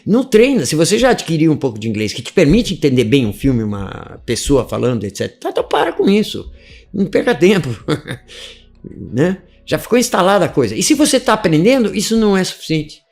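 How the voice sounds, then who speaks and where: A man's voice: on the high side, wildly swooping pitch, fairly quick, a little mellow, soft background music. A man from Brazil giving a live online English lesson, explaining emphatically, asking rhetorical questions and checking in with "né?" and "tá?". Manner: chuckles between points. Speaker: English teacher.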